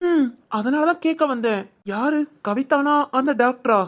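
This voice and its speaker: A voice actor playing a calm, protective older brother in an animated family drama, with a Tirunelveli Tamil accent. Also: high-pitched, measured pace.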